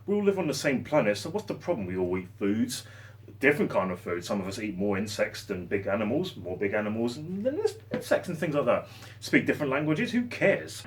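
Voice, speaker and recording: A man's voice: medium pitch, sing-song, brisk, distant mic, a little hiss or hum. Passionate man ranting. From London. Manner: passionate, rambling, sarcastic. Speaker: vlogger. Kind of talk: opinion rant to camera. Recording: voice set back from the mic.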